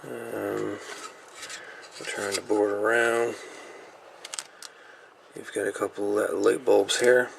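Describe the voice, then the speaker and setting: A radio hobbyist reviewer casually takes apart a radio gadget at his workshop repair bench, thinking aloud with mumbled asides. His low, level voice is slow and creaky with long pauses, and the poor audio carries a little hiss or hum.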